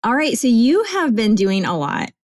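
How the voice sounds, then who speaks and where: A woman's voice: fairly high pitch, wildly swooping pitch, normal speed, dry recording. A woman in her forties hosting a podcast in casual chat, reading sponsor codes and laughing often. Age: 40s. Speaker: podcast host.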